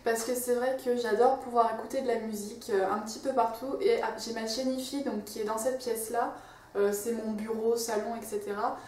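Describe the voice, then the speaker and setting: A woman's voice: fairly high pitch, steady tone, a little fast, darkish tone. A young woman vlogging about her wishlist in a casual, chatty way, with lots of fillers and restarts. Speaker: beauty vlogger. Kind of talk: casual chat to camera. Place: home office and living room. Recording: echoey room, mic a bit far, faint hiss.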